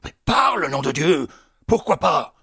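A man's voice: on the high side, very animated, unhurried, bright, forceful tone, no echo, clean studio sound, exaggerated voice. Man doing a furious young army captain. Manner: gruff threats and scornful laughter. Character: furious young male army captain, threatening then mocking.

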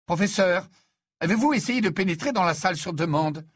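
Reader voicing a young wizard boy, pushy questions, slightly raised husky voice. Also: mid-range voice, expressive, fairly quick, pitched above the performer's own voice. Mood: insistent. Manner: insistent questioning. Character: teenage boy wizard, pressing and curious.

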